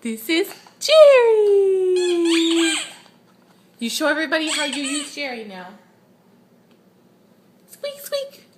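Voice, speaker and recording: A woman's voice: extremely high pitch, expressive, takes it slowly, pauses often, noisy background. A mother talking baby talk to her toddler, playful and sing-song with exaggerated gasps, at home.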